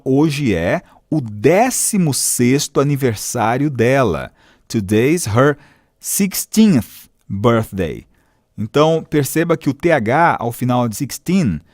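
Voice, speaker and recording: A man with a Brazilian accent teaching English, reading each phrase slowly, repeating it and explaining every step patiently. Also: mid-range voice, darkish tone, dry recording, studio quality. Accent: Brazilian Portuguese. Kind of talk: recorded English lesson explained in Portuguese.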